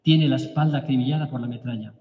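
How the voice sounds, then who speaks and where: A man reading a story of martyrs aloud to a prayer group as preacher, halting and restarting now and then. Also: mid-range voice. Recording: echoey hall, dull lo-fi sound.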